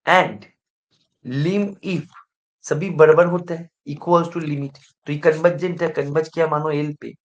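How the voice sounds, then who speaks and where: A man leads a live online math revision class, asking the class over and over whether they follow. His voice sits a little high for a man, and he mixes English technical terms into his explanations. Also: a little mellow. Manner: keeps checking students understand, asks the class repeatedly. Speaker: math teacher.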